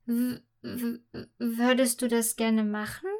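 A woman's voice: sits high, expressive, drawn-out words, fairly bright tone, exaggerated voice. A woman voicing a shy young maid girl who stammers when unsure, in a storybook. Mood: shy delight.

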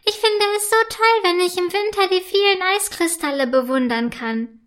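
A woman voicing an excitable female ice elf in a children's storybook, high and bubbly, with eager chatter. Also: normal speed. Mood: admiring. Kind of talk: storybook reading.

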